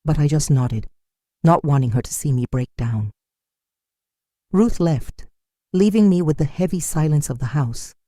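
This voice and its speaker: Older woman narrator, mellow and dry, lively pitch, sombre scripted storytelling. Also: no echo. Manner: sombre, measured, wounded. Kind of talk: scripted first-person narration.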